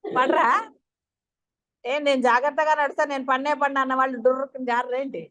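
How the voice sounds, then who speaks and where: A woman with a high voice leads a spiritual discourse. She keeps posing rhetorical questions and talks straight to her listeners. Her manner stays chatty and coaxing. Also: steady tone, quick pace, fairly bright tone. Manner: addresses listeners directly. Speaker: spiritual teacher.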